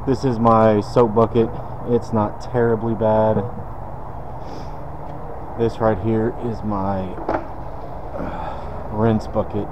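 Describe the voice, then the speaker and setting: A relaxed man with a drawl talks through a detailing job in an easygoing, unhurried way. His voice sits a bit low, and steady shop noise runs clearly behind him. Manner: laid-back, talks while working. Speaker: car detailer. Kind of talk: casual how-to demonstration.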